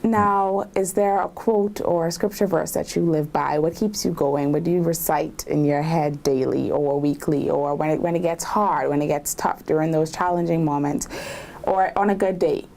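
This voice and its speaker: A woman's voice: low voice, fairly even intonation, moderate pace, gravelly, darkish tone. A woman hosting an interview, listening attentively, affirming often and asking long, carefully framed questions. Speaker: interviewer, host.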